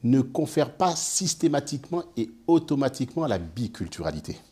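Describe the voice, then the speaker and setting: A man born in France, a guest in a measured discussion, talking with many fillers and restarts. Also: medium pitch, very animated, warm tone, breathy edge. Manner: hesitant, many fillers and repeated words.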